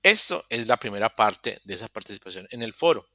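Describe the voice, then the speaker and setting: A man teaching an English lesson online, explaining step by step with pauses and self-corrections. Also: lowish voice, animated, sharp tone, no echo, studio quality. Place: online meeting room.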